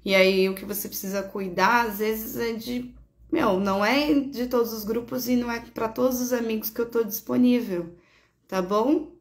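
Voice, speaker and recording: A woman's voice: fairly high pitch, fairly even intonation, moderate pace. Chatty Brazilian astrologer woman, echoey room. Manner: chatty, affectionate, laughs often, corrects herself. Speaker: astrologer host. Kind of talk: casual live horoscope chat.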